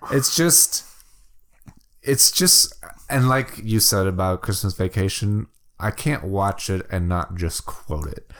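A man's voice: low voice, takes it slowly, fairly bright tone. A man co-hosting a casual movie chat, rambling and enthusiastic, laughing often. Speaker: podcast co-host.

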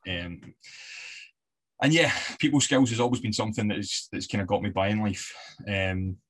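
Man, Scottish accent, podcast guest, casual storytelling, lowish voice, husky. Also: moderate pace. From west of Scotland. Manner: chatty storyteller with fillers and laughs. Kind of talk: casual interview chat.

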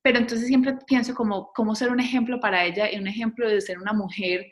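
A woman talking thoughtfully in casual conversation, with frequent fillers and lively quoting of others. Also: on the high side, fast talker.

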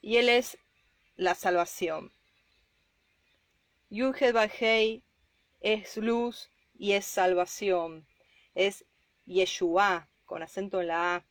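A woman reading a psalm and preaching on it, slow and emphatic, rising on her key points. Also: medium pitch, no room sound. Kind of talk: Bible reading and devotional sermon.

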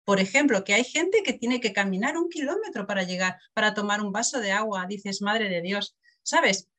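Speaking at a normal speed in a mid-range voice, a middle-aged woman from Barcelona, Spain, who is an author, shares stories during a casual interview. She's a lively storyteller who performs the quotes and laughs frequently.

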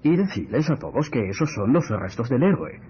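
A calm, patient village priest, played by a man, speaking to others. His voice sits in an ordinary mid range. It comes through a dull, lo-fi radio recording. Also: mid-range voice, brisk, breathy edge. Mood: soothing. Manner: soothing, fatherly, addresses others as son. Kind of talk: radio comedy acting.

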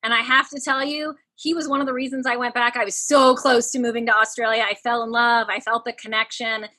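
A coach in her forties, with a higher-pitched, youthful-sounding voice, chats freely on a relaxed podcast, speaking a little fast. She's bright, forward and animated, laughing often while she tells stories.

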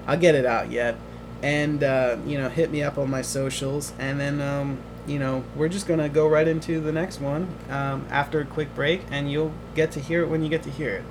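A man hosts his podcast in a loose, casual chat, his voice sitting a little high. He talks emotionally and haltingly, circling back over his words. A steady hum of background noise runs under the recording. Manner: emotional, halting with many restarts. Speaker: podcast host.

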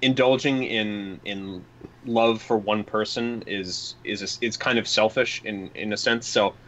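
A man's voice: lowish voice, fairly even intonation, unhurried, fairly bright tone, slight background noise. A man in casual chat about a film, rambling with frequent restarts and quoted asides. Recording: dull lo-fi recording.

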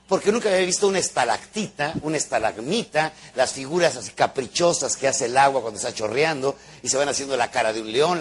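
A man giving a motivational talk to a live audience, a theatrical, joking storyteller who acts out voices and sounds. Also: fairly high pitch. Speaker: motivational speaker.

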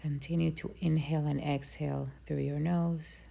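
A woman leading a guided meditation in a slow, soothing, calming manner. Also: low voice, creaky, muffled recording.

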